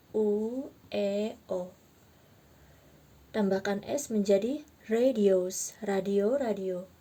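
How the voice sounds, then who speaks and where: A woman teaching an English grammar lesson, slowly spelling out letters and repeating each example word. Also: medium pitch, dark tone, husky, far from the mic. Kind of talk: slow, careful grammar lesson.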